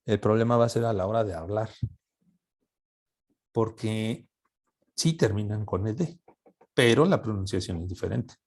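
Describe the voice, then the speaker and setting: A man teaching an English grammar lesson, joking with his students and sounding out English words slowly. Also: fairly low pitch, darkish tone. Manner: spells out English pronunciation slowly.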